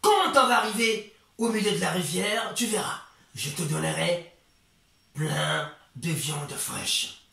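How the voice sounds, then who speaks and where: A man's voice: animated, vocal fry, sharp tone, recorded from a distance, exaggerated voice. A man doing a sly scheming crocodile in an echoey room. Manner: high coaxing questions, then low slow murmuring promises. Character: sly male crocodile, falsely friendly and scheming.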